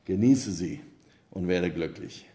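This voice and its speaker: A man preaching a sermon, telling a parable in a calm, measured way. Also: sits low. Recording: roomy echo.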